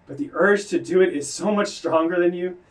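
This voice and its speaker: A man voicing a calm, wise dead friend. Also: high-pitched, recorded from a distance, natural voice, poor audio. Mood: gentle, calm. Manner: calm, slow, soft-spoken.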